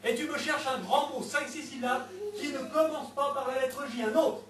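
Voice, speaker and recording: A man's voice: very high-pitched, steady tone, moderate pace, a bit bright, far from the mic, a little hiss or hum. A man performing a mentalist act on a theatre stage, coaxing and teasing spectators with playful patter. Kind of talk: live stage patter with audience. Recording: echoey theatre recorded from afar.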